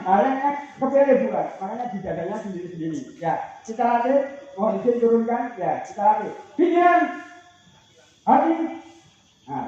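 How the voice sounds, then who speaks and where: An outbound training facilitator with a very high voice shouts commands while leading group games outdoors, joking and teasing as he goes. The recording sounds distant, roomy and muffled.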